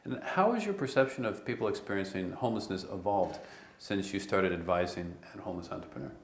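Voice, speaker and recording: Man, interviewer, low pitch, steady questions, echoey room. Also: fast talker, a little hiss or hum. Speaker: interviewer, host.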